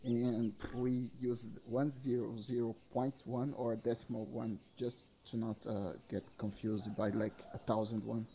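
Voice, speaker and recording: A man's voice: mid-range voice, flat delivery, measured pace, hardly any pauses, warm tone, slight background noise. A man doing military radio procedure and some casual talk as a trainee in a game. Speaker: trainee acting as radio net lead.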